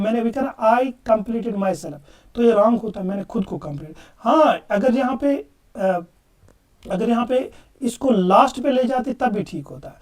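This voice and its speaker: A man's voice: very high voice, a little mellow. Male grammar teacher, lecture style, emphatic, distant mic. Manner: emphatic, calls students "beta", mixes English examples into Hindi. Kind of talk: classroom lecture.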